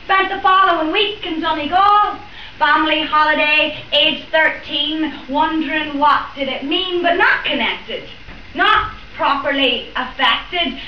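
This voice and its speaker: A young woman from Northern Ireland performs rhyming spoken word poems in a library event room, joking and chatting in her intro and between verses. Her voice is high-pitched with a sharp tone, and there's a little hiss or hum. The sound is roomy, distant, and dull.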